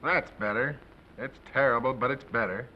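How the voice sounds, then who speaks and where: A man's voice: mid-range voice, moderate pace, slight background noise, natural voice. An actor playing an impatient male film director who barks orders, in a 1930s film. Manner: bossy, barking. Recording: dull 1930s film soundtrack, far.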